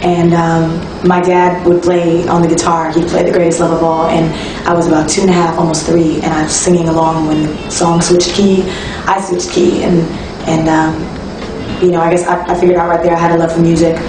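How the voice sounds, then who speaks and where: A young woman, a singer-songwriter talking casually in an interview, relaxed and reflective with frequent ums and restarts. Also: fairly low pitch, a little fast, background noise. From Toronto, Canada. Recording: echoey room, distant mic, music behind.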